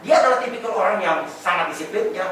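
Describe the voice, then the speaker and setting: A high-voiced man talks fast and animatedly as a sales trainer, coaching the listener and calling him sir at every turn. His voice rings through a very echoey room, caught from a distance by the mic. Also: lively intonation, fairly bright tone, slight background noise. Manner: mixes in English sales terms. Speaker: real estate sales trainer. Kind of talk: coaching talk in an interview.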